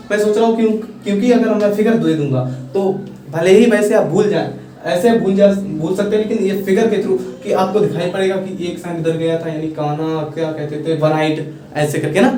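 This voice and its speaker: A young Indian man with an Indian accent teaching English vocabulary in a casual lesson, repeating and spelling out words slowly. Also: sits high, a little mellow. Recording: echoey room, far from mic, faint hiss.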